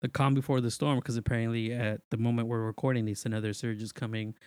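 A man's voice: mid-range voice, little pitch movement, fast talker, darkish tone, clear, resonant tone, dry recording. A man from Mexico talks as a podcast guest in a casual, storytelling way. His voice sits mid-range, sounds dry and close, and his phrasing is informal and slangy. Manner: informal, slangy, quotes himself while telling stories. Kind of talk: casual chat and personal storytelling.

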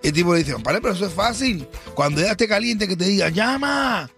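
Bright-voiced joke-telling man. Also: high-pitched, fast, vocal fry, faint music behind. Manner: animated storyteller, acts out characters. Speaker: radio co-host.

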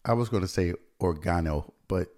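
Deep-voiced laid-back podcast host man. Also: moderate pace, warm tone, slight background noise. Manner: laid-back, chatty, laughs often. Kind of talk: casual chat.

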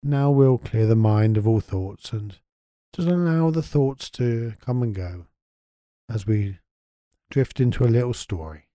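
Male meditation guide, very mellow and warm, gentle soothing delivery, dry close sound. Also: mid-range voice, expressive, dry recording. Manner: soft, slow and soothing.

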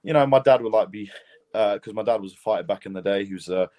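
A man's voice: lowish voice, fast talker, mellow. A young man from Lithuania with a British accent, a fighter telling his story in a casual podcast interview, rambling and laid-back with lots of fillers. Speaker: mixed martial arts fighter, guest.

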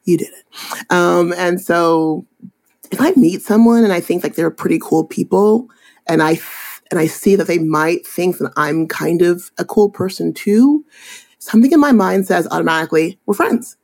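Woman, young adult, low voice, husky, animated chatty storyteller, podcast interview guest. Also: moderate pace. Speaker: boudoir photographer and attorney.

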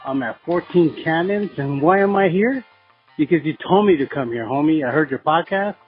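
Male caller from the San Fernando Valley, slangy and easygoing, heard over a dull phone line, slightly higher voice, soft music in the back. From San Fernando Valley, California. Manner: laid-back and slangy, keeps calling the hosts "homie". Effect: heard over a phone line as a recorded voicemail. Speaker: podcast listener leaving a voicemail. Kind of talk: casual voicemail message. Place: brewery taproom.

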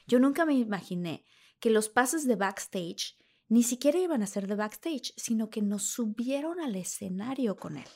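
Animated Mexican woman telling a story. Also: on the high side, normal speed. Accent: Mexican Spanish. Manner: animated, acts out the scenes. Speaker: guest. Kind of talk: storytelling anecdote.

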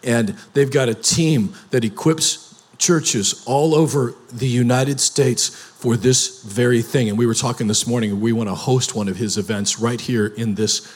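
Pastor introducing a guest, man, mid pitch, a bit breathy. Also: measured pace. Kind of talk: church announcement.

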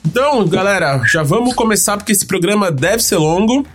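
A man's voice: high voice, expressive, fairly quick, fairly bright tone, soft background music. A Brazilian man hosting a podcast in casual, chatty style from home. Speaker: podcast host. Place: remote recording from home.

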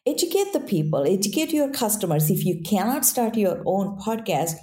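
Speaking English with a non-native accent, this interview guest is earnest and casual, often adding "right?" to check in. Her mid-range, mellow voice swings widely in pitch at a normal pace.

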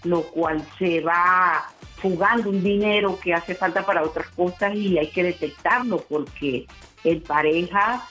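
A woman's voice: on the low side, unhurried, soft background music. Polite Venezuelan woman caller. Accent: Venezuelan with Chilean touches. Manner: warm, polite, agreeable.

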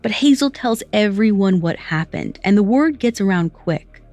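Woman narrator for a story podcast; measured, scripted, dry studio read. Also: mid-range voice, animated, a little mellow, no room sound.

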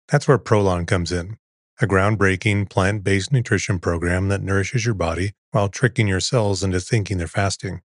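A man reads as a sleep podcast host in a low-pitched voice. His delivery is soothing, calm and unhurried, clearly scripted. The sound is dry, with no room around it. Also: dry recording.

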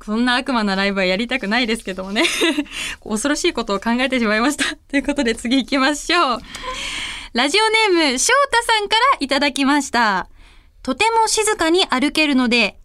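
A woman's voice: high-pitched, no room sound. A woman hosting a radio show and reading out listener mail in a casual, bubbly way, laughing often. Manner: bubbly and animated, quick to laugh. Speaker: radio host and singer.

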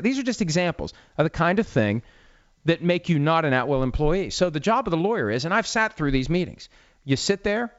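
A man's voice: a little high, dry recording. A middle-aged man talks through a sports story as a talk-show host. He is casual and wry and breaks legal points down plainly. The mic is close and dry with a slightly dull, lo-fi sound.

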